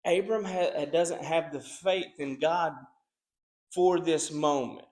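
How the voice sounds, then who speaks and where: Pastor guy preaching, earnest, keeps restarting his sentences, voice a bit high. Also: slow, darkish tone. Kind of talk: sermon.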